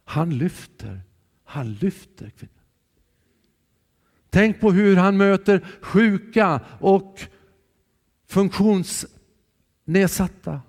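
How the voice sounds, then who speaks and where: Male preacher, higher-pitched, earnest sermon delivery, long church reverb. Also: long pauses. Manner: calm, earnest, shifting between soft and raised voice.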